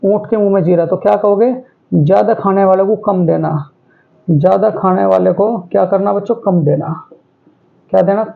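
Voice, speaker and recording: A man's voice: sits high, normal speed, gravelly. A male teacher giving an online exam-prep class, who asks students questions and repeats each answer. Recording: tinny phone-like audio.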